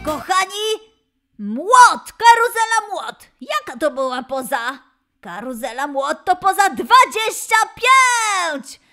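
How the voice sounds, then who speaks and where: A woman voicing a cheery male lion mascot who leads a children's dance and gymnastics class, calling out poses with excited, drawn-out cheers. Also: very high voice, soft background music, heavily acted. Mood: cheerful. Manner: excited, sing-song cheering, drawn-out calls. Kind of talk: children's exercise instruction.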